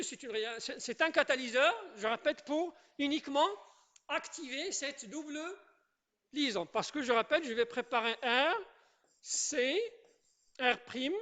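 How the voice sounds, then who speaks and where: A chemistry teacher lectures a class at the board in a high, fairly bright voice, often repeating points with "je répète" and checking in with "d'accord?". The teacher also quizzes students and praises their answers.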